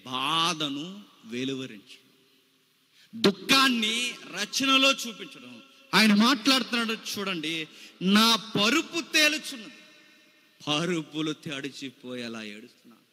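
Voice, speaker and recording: Male preacher, high and very bright, dramatic sermon delivery in a long reverberant hall. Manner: dramatic, acts out quoted voices, rhetorical questions.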